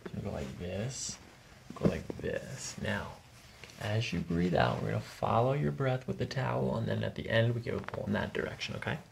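A chiropractor in his thirties quietly guides a patient in an ASMR style, using soothing, repetitive short cues in a lowish, gravelly voice at normal speed. He's in a small carpeted treatment office, captured by a boom-arm microphone near the treatment table in a noisy room recording with clicks.

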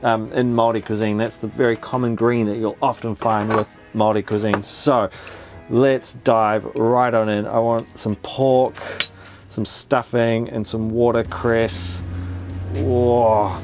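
A man's voice: medium pitch, steady tone, measured pace, darkish tone, faint music behind. A man, hosting a food vlog, eagerly explaining dishes as he eats inside a camper van. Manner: enthusiastic, explains dishes while eating. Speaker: food vlogger host. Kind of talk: casual food vlog narration.

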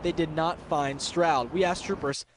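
High-voiced male field reporter. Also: steady tone, noisy background. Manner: clear, measured reporting delivery. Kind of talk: live news report.

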